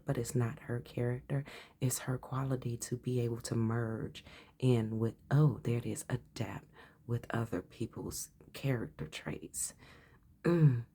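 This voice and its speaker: A woman giving a casual, chatty tarot reading. She calls the listener honey and often drops into soft whispers. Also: rumbling low, slightly rough. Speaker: tarot reader.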